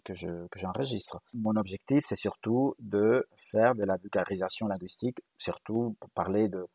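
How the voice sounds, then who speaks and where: A man's voice: on the low side, a little mellow, slightly rough, no room sound. A middle-aged man from Galicia with a Spanish accent, speaking in a thoughtful, hesitant way with many fillers and restarts as a guest linguist. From Galicia, Spain. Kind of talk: conversational interview.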